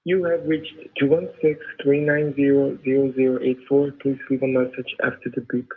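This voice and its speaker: A man's recorded voicemail greeting played over a landline phone, reciting the number in a flat, automated way. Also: medium pitch, moderate pace. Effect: heard over a landline phone. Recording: tinny phone line with faint hiss.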